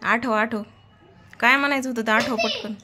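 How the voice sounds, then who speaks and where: A woman's voice: on the high side, expressive, normal speed, noisy background. Chatty mother coaxing her child. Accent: Marathwada Marathi. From Maharashtra, India. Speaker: vlogger mother. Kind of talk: casual home vlog talk. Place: family home. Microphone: phone camera.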